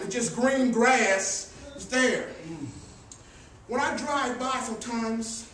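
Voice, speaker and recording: A woman giving a funeral eulogy with dignified grief and gentle humor, storytelling with repeated phrases and a preacher-like cadence. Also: a little high. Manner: repeats phrases for rhetorical effect. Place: large echoing room at a funeral service. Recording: very echoey hall, distant mic, faint noise.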